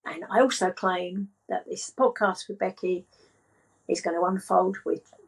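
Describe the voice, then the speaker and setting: Calm, slow-speaking woman with a breathy voice. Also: lowish voice, rough recording. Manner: slow, calm and grounded delivery. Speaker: spiritual business and money coach, guest. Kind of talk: casual podcast chat.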